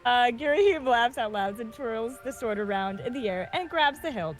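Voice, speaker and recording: Lively, chatty young woman reading aloud. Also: fairly high pitch, normal speed, faint music behind. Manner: laughing and chatty, explains context. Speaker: co-reader.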